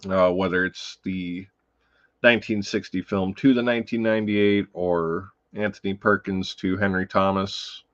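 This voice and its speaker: Man, livestream host, casual film chat, rambling, profane, lots of fillers, lowish voice, dull lo-fi sound. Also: fairly even intonation, moderate pace.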